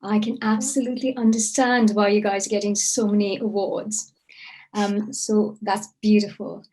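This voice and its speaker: A woman's voice: medium pitch, little pitch movement, moderate pace, warm tone, low-quality recording. A woman hosting an event and reading out formal introductions of performers. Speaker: event host.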